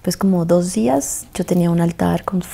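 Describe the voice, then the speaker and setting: A Mexican woman, a guest actress, telling a personal story softly and haltingly, her voice often sinking toward a whisper. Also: lowish voice, vocal fry, breathy edge.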